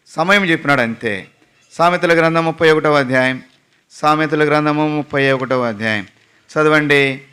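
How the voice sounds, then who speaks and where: A man's voice: on the high side, bright, forceful tone, clean tone. A male preacher at a prayer house giving a fervent sermon, questioning his congregation as he exhorts them. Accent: Telugu. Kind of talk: sermon with sung opening.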